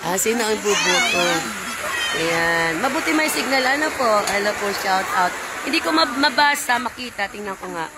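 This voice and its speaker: A woman from a church live-streams on a phone held while she walks outdoors beside railway tracks, chatting casually and greeting viewers and passers-by. Her voice is a little high and animated at a moderate pace, and the recording is very noisy.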